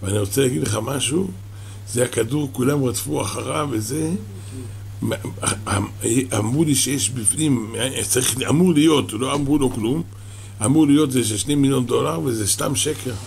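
A man's voice: medium pitch, gravelly, darkish tone, a little hiss or hum, voice pushed down, natural voice. A man voicing a naive, baffled village man who asks bewildered questions.

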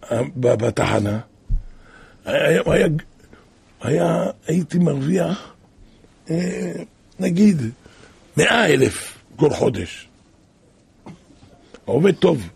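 A man preaching in a loose, colloquial storytelling way, retelling rabbinic tales and repeating "he says" between quoted lines, now and then breaking into loud exclamations. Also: a little high, vocal fry, breathy edge, no echo.

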